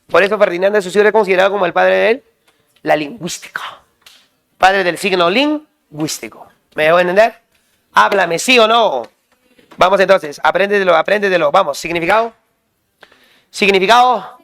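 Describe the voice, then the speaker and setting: A male teacher drilling students with quick questions and repeated call-and-response prompts. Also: high voice, fairly bright tone. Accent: Peruvian Spanish. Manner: quizzing, repetitive call-and-response.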